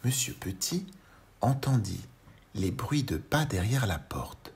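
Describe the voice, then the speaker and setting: Casting: unhurried male storybook narrator, lively melodic pitch. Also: gravelly. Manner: slow, gentle and expressive, addressing a child. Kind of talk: children's audiobook narration.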